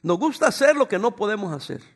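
A man's voice: sits high, sing-song, fast. A man preaching as a pastor, talking to his congregation in a conversational way and acting out short exchanges. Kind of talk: sermon.

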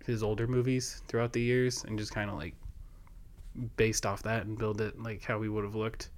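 A man's voice: on the low side, level tone, moderate pace. A young man hosting a podcast in casual chat, rambling with lots of fillers and laughing often. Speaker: podcast host.

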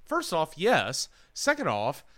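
A man holds forth on a podcast in a bright, cutting voice that swings widely in pitch. His talk is profane and heated, a running rant in casual chat. The sound is dry and close to the mic. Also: very animated, moderate pace, no echo. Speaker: podcast co-host.

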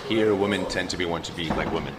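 Deep-voiced male trainer over loud traffic. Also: fast talker. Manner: chatty, plainspoken, with fillers. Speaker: personal trainer. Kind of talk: interview answers.

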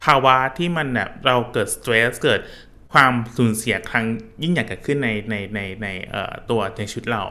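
A man co-hosting a casual science chat, chiming in often and adding explanations that pause and restart. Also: medium pitch, lively intonation, bright, forceful tone.

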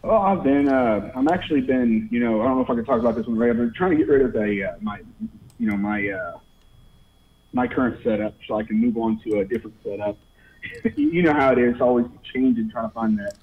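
Guy calling in over the phone, tinny line, lots of uh and you know, mid pitch. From Oklahoma, US. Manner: hesitant, fills pauses with "uh" and "you know". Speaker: caller. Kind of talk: casual chat.

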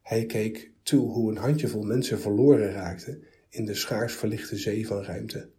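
A man narrating a story in a measured, even reading. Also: on the low side.

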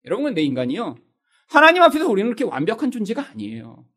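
A male pastor delivers a sermon in a high voice. His pitch swings widely as he puts rhetorical questions to the congregation. He slips into quoted voices to act out everyday excuses. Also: huge pitch swings, rapid-fire, fairly bright tone.

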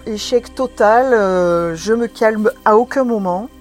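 A woman's voice: mid-range voice, takes it slowly, darkish tone, faint music behind. Woman emotionally retelling a personal experience. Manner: vivid, emotional retelling with hesitations.

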